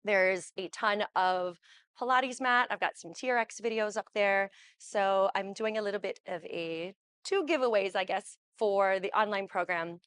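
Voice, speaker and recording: A woman's voice: medium pitch, a bit bright, no room sound. Chatty woman welcoming a studio group. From Hawaii. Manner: chatty, loose, with fillers like um and like. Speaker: Pilates instructor hosting a workshop. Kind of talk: casual welcome talk to a live group. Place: wellness studio with a small audience.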